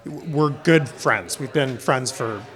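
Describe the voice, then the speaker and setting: As an interview guest, a middle-aged director from Florida in the United States talks casually on a panel and recounts personal stories. He has a mid-range, slightly bright voice and a slow pace.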